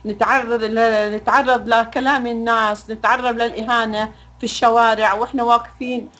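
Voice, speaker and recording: A woman's voice: a little high, flat delivery, rapid-fire, fairly bright tone, lo-fi sound. A mother from Jordan with a Jordanian Arabic accent, making an emotional, pleading appeal in a live interview. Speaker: mother of a detained son.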